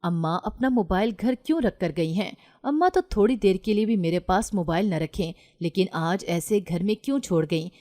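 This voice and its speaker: A woman narrator voicing an anxious but defiant young unmarried daughter in a storybook reading, insistent and sharp-tongued. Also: medium pitch, lively intonation, hardly any pauses, close to an everyday voice. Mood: worried. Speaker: daughter in a read-aloud story.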